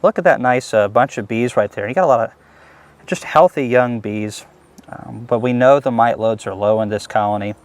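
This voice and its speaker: A man with a mid-range voice talks at a normal pace. He's a beekeeper giving casual interview answers outdoors, chatting easily and enthusiastically as he works a hive.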